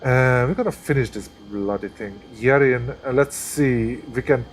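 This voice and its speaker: Unhurried and medium-pitched, a man with a Hungarian accent streams flight sim gameplay live against slight background noise. He comments in a chatty, casual way, thinking out loud step by step.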